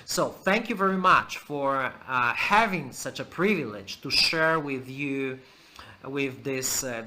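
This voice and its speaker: A man giving a ministry message to supporters in earnest, halting English. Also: medium pitch, bright, forceful tone. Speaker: church worker giving a ministry update. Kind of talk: prepared thank-you message to supporters.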